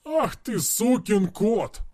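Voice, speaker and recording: A loud, foul-mouthed young friend bursts through this audiobook scene, voiced by a man. He rides high in his voice and swings it wildly as he jeers and shouts. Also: very animated, measured pace, dry recording, clean studio sound. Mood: shouting. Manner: yelling, swearing, mocking. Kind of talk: audiobook character reading.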